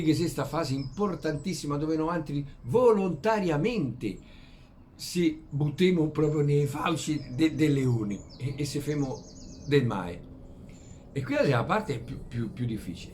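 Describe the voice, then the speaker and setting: Animated man speaking Venetian dialect. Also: a little high, a little hiss or hum. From Veneto, Italy. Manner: halting, repeats words, rhetorical questions to listeners. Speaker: vlogger. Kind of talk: rambling homespun philosophy talk in dialect. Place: outdoors among flowers in early morning.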